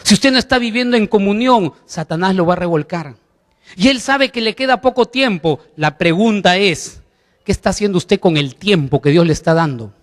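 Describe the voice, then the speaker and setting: A man's voice: high voice, lively intonation, normal speed, long reverb tail. A man preaching a sermon as pastor, emphatic, putting questions to the congregation.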